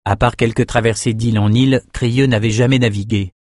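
A man narrating an audiobook in a steady, measured storytelling voice, close to the mic. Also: mid-range voice, no echo.

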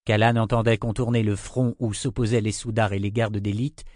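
A man reading a fantasy audiobook in a measured, steady narration. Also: on the low side, dry recording, studio quality.

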